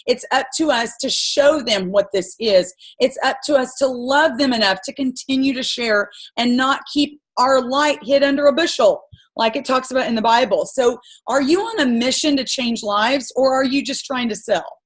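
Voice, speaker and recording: A woman's voice: high-pitched, moderate pace. A woman coaching her sales team on a group call, giving an impassioned, rambling pep talk full of stories.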